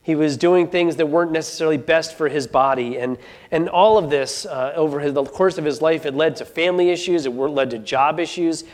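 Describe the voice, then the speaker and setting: A man with a somewhat high voice tells a story to an audience, speaking a little fast. He is earnest but stumbles often, restarting phrases and repeating words.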